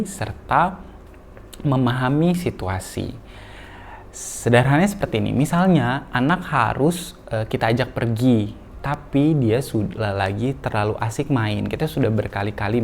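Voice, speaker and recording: A man working as a child therapist, calmly explaining home exercises to parents in an instructional talk. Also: medium pitch, slight background noise. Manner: calm, explanatory, with slow singsong demonstrations.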